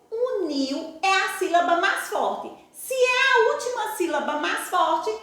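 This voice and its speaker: A woman teacher with a Brazilian Portuguese accent giving a recorded school lesson, stretching out example words slowly and with emphasis. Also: very high-pitched, sharp tone. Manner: slow, drawn-out, emphatic over example words. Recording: very echoey room.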